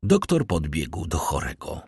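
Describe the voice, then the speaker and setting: Male narrator with a husky voice and a dry, close sound, reading dramatically. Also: rumbling low, a little slow, no echo. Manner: animated, theatrical delivery. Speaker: audiobook narrator.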